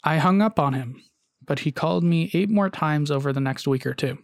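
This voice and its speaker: A man hosting a casual storytelling podcast. He has a gravelly voice pitched a little high. He recounts events haltingly, with many "uh"s and restarts, and the sound is close and dry. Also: dry recording. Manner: hesitant, frequent "uh" and restarts, reads long quotes aloud. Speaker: podcast host.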